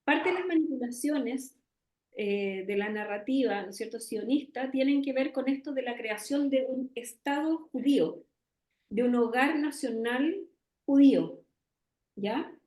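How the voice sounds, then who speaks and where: Chilean woman guest, earnest explainer with a high voice, recorded in a roomy space. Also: mellow. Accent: Chilean Spanish. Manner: earnest, tag questions, many pauses. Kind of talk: conversational interview, explaining.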